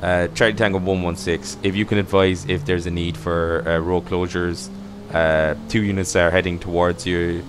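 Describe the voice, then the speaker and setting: A man role-playing a police radio dispatcher, halting and repeating himself as he gives instructions. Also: sits low, flat delivery, noisy background. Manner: halting, repeats himself while searching for words.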